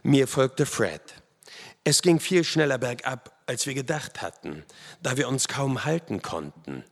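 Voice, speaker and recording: Slow, gravelly dramatic male storyteller. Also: medium pitch. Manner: dramatic, expressive. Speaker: audiobook narrator. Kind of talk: dramatic first-person story reading. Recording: long hall reverb.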